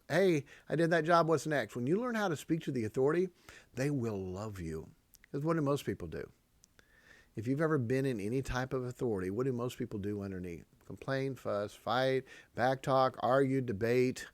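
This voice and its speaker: A man's voice: mid-range voice, no room sound. A man hosting a parenting podcast, teaching proverbs in an emphatic, repetitive way and chuckling often. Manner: emphatic, repeats key phrases, chuckles often. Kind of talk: preachy parenting talk on proverbs.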